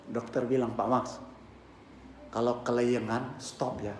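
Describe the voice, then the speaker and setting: A male pastor preaching a sermon with a hoarse voice, swinging from hushed tones to shouting and mixing English phrases into his talk. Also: mid-range voice, level tone, slow pace, echoey room, a little hiss or hum. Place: church.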